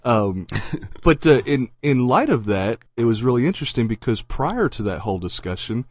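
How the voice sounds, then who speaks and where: A man in his forties with a mild Southern accent, co-hosting a podcast in a relaxed, chatty way, thinking out loud with frequent ums and easy laughs. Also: medium pitch, moderate pace, dry recording. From Pennsylvania. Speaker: podcast co-host. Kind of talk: casual chat.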